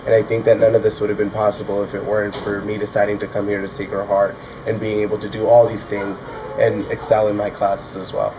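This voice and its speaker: Young male student panelist, low monotone, earnest. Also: fairly quick, noisy background. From Connecticut. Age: young adult. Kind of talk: casual panel talk.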